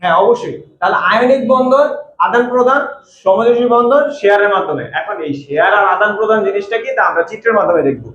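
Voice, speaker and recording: High-voiced man teaching in echoey room. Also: fast talker, fairly bright tone. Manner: repeats key points, asks class questions. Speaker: chemistry teacher. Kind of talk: classroom lecture. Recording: echoey room, dull lo-fi sound.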